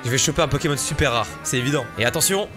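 Over background music, a man with a mid-range voice races through his let's-play commentary. As a gaming YouTuber, he jokes around, uses plenty of slang and talks directly to his audience with lots of excitement.

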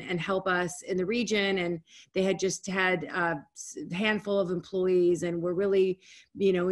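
Energetic woman on a video call. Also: fairly low pitch. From United States. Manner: energetic and conversational, speaking in quick bursts with restarts. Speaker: guest speaker. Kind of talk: webinar presentation. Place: home room, indoors.

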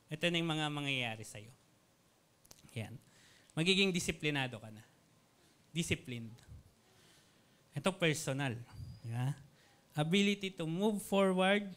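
A man preaching a casual sermon, chatty, often asking his listeners "right?", and reading Bible verses slowly. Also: a little high, a bit bright, clear, resonant tone.

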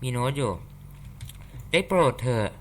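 A man's voice: medium pitch, animated, measured pace, a bit bright. A man hosting a gaming channel, chatting casually and reacting aloud as he plays through a horror map. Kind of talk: casual game commentary.

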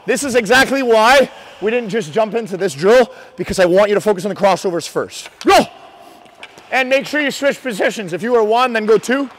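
A man coaches hockey on the ice in a noisy indoor rink, shouting drills and instructions. His high, expressive voice is brisk, and his commands are urgent, repeated, and encouraging.

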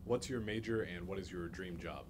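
A man off camera reading interview questions in a brisk, plain way. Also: low-pitched, noisy background.

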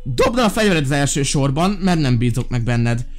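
A man hosting a Minecraft let's-play, talking in an animated, exclaiming way and giving bossy orders, with a lingering cough after being ill. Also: mid-range voice, faint music behind. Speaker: gaming video host.

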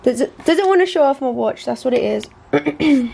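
A woman's voice: sits high, expressive, measured pace, vocal fry, mellow. A young woman talking in a gushing casual vlog, groggy from just waking up. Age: young adult. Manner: gushing, says "literally" and "wow" a lot. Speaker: vlogger.

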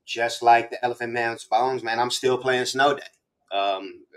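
Over a video call from a small indoor room packed with memorabilia, a middle-aged American man hosts a laid-back hip hop interview, using slang and thinking out loud. His voice sits at medium pitch with fairly even intonation, and he talks a little slowly.

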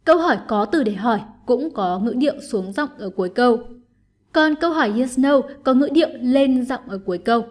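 Higher-voiced woman teaching an online class. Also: animated, brisk. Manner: patient, clear step-by-step explaining to students. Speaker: English teacher. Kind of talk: online lesson explanation.

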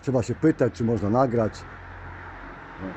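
Filming on his phone outdoors, a pigeon keeper vlogger gives a chatty running commentary, calling his viewers dear ones, with birds and outdoor ambience in the background. His mid-range voice is warm and moderately paced, with a little hiss or hum in the audio.

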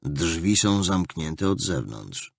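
A man voicing a stern, cold male interrogator in an audiobook, speaking slowly, low and clipped. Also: big pitch swings, vocal fry, dry recording, studio quality, full character voice. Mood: cold, commanding. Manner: slow, low, clipped and threatening. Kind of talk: audiobook character voice.

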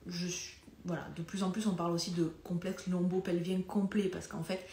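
A woman's voice: lowish voice, level tone, normal speed, mellow, reverberant. A woman physiotherapist gives a live lesson on pelvic floor health. She talks conversationally, loses her thread and comes back to it, and moves around while she demonstrates.

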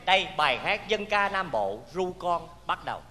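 A man with a Southern Vietnamese accent performing a stage comedy sketch, exclaiming and teasing in an animated way. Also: sits high, moderate pace. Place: theater stage. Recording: reverberant stage hall, faint noise.

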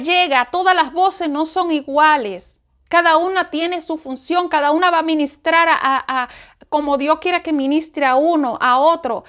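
High-voiced woman teaching with animated emphasis. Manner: animated, repeats phrases for emphasis. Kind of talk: informal Bible study talk.

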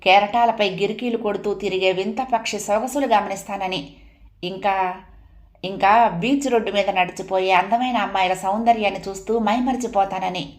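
A woman narrating a first-person family story in a steady, even audiobook reading. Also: medium pitch, normal speed.

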